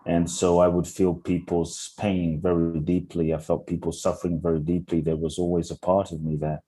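A young adult man, a podcast guest from Ghana and London, telling his life story earnestly with slow, searching restarts. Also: low voice, level tone, mellow, slightly rough. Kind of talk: reflective interview storytelling.

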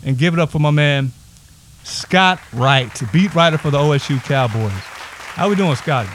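A man's voice: fairly high pitch, animated, moderate pace, crowd noise, noisy background. Hyped man hosting a home podcast. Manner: hyped, loose, full of shout-outs. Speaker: podcast host. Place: a house set up as a home studio.

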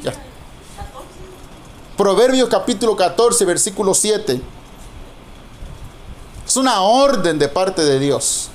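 A middle-aged male pastor preaching a sermon, emphatic and drawing out key words slowly. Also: sits high, animated.

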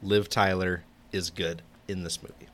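A man co-hosting a film podcast in casual chat, easygoing and quick to laugh. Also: sits low, flat delivery, fairly bright tone, slight background noise. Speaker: podcast co-host.

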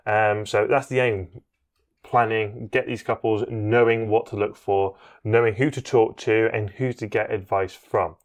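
A man's voice: lowish voice, steady tone, measured pace. A young man, co-hosting a wedding podcast in casual, rambling chat. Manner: rambling, restarts, friendly. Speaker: podcast co-host, wedding videographer.

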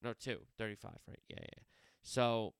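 A man's voice: lowish voice, huge pitch swings, moderate pace, creaky, clear, resonant tone, no room sound, clean studio sound. A man hosting a solo sports podcast, previewing games in a rambling way, wandering off on tangents and correcting himself as he talks.

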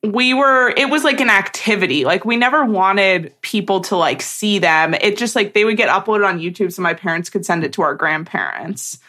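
A woman's voice: medium pitch, normal speed, hardly any pauses, sharp tone. A young woman co-hosting a podcast, telling stories in casual chat with lots of "like". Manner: chatty storyteller, heavy use of "like". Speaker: podcast co-host.

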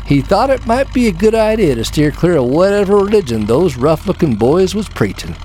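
A man's voice: high-pitched, big pitch swings, fairly quick, a little mellow, slight background noise, poor audio. A man reading a scripted narrative as a storyteller, with dramatic, folksy phrasing.

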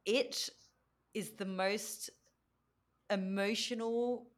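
A woman mentor speaking as a podcast guest, earnest and reflective in a measured way. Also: mid-range voice, steady tone. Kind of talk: reflective interview talk.

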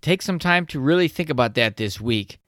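A man's voice: fairly high pitch, lively intonation, fairly quick, fairly bright tone, no room sound, clean studio sound. A man hosting a short devotional podcast, speaking earnestly and asking the listener questions. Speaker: host.

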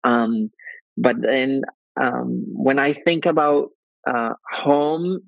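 A man's voice: medium pitch, fairly even intonation, drawn-out words, vocal fry, no room sound, muffled recording. A middle-aged man from Colombia with a Colombian Spanish accent, speaking hesitantly as an interview guest with many restarts. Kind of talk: podcast interview.

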